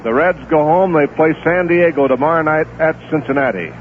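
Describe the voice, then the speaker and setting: Between pitches, this baseball radio announcer calmly offers stats and player tidbits as he calls the game live, never hurrying. The recording has the thin sound of 1970s AM radio, with a bit of hiss or hum.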